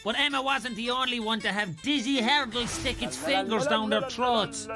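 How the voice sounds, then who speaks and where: High-voiced British co-commentator, sarcastic. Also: male voice, normal speed. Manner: dry sarcastic quips. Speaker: comedy game show co-commentator. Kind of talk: jokey voice-over commentary. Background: loud music.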